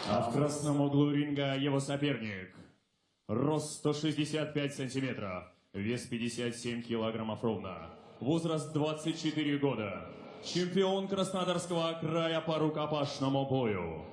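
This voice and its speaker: Ring announcer, male: theatrical and formal, unhurried, stretched names building to a shout, reverberant hall with ambient noise. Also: medium pitch, lively intonation. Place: live fight arena over PA system. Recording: echoey arena with background noise.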